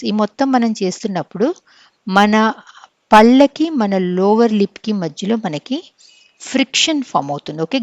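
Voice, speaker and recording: A woman teacher with a Telugu accent runs an English phonetics lesson for exam preparation. Her pitch sits in an ordinary middle range, and the recording is dry and close, with no room sound. She explains patiently, keeps asking "okay?", and spells words out slowly. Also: no echo, dull audio. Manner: explains step by step, checks in with frequent "okay?".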